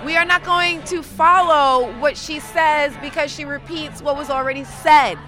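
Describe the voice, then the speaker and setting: A woman's voice: sits high, fairly even intonation, moderate pace, pushed and bright, soft background music. A young woman from Queens giving her views in an emphatic, frustrated way during a street interview. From Queens, New York. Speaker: voter. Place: outdoors on a city street.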